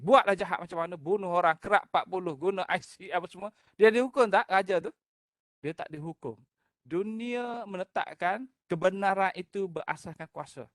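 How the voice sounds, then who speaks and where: A speaker with a Malaysian Malay accent delivers a history lecture in an animated, rhetorical style, regularly checking in with the audience through quick questions. The voice sits at an average pitch and is recorded close, with a dry sound and little room echo. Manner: animated, rhetorical, often prompting listeners with "eh?" and "ha?".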